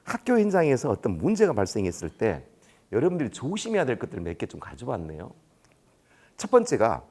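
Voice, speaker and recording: A man's voice: fairly high pitch, mellow. A middle-aged man giving a lecture at a staff training, telling colloquial anecdotes and acting out the dialogue. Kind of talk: storytelling lecture. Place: large conference room.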